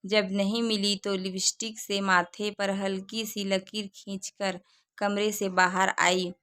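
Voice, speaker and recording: A woman narrating a moral story in a calm, measured reading as the channel's storyteller. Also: mid-range voice.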